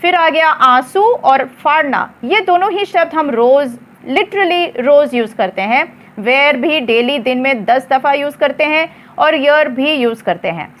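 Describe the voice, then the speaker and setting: A woman teaching English words in a slow lesson, spelling them out letter by letter and repeating each one. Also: sits high, lively intonation, a bit bright.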